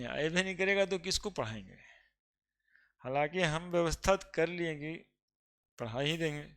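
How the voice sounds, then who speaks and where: Bright-voiced chemistry teacher. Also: male voice, on the high side. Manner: chatty, joking with students before teaching; loud and emphatic when explaining. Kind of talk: classroom teaching.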